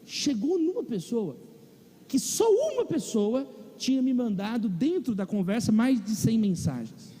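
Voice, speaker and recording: A male pastor speaks a little slowly in a very high, warm, slightly rough voice marked by big pitch swings. With a Brazilian Portuguese accent, he shares a humorous anecdote about himself during a sermon, and the sound carries the long reverb of a big hall, a large church or auditorium.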